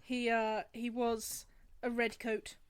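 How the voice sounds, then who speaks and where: A woman's voice: a little high, completely flat delivery, takes it slowly, smooth, no echo. A woman introducing her character in a tabletop game, playful and correcting herself as she goes.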